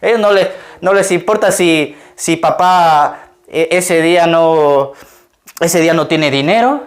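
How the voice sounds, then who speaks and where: A pastor delivers a sermon in a relaxed, conversational way. He keeps turning to his listeners with questions and laughs often at his own stories. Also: fairly high pitch, a little slow. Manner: conversational, asks the congregation questions.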